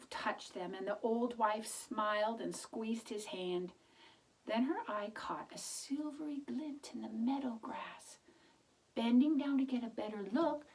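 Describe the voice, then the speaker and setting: On a low-quality recording, with the mic far away, a woman whose voice sits on the high side reads a children's picture book expressively. She breaks in with chatty explanations of words and questions for the listener.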